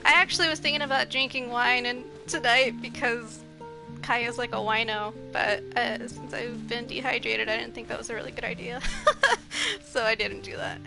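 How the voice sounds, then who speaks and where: A woman's voice: on the high side, vocal fry, low-quality recording. A woman casually commenting on a game she plays, chatty and often laughing. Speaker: gaming streamer.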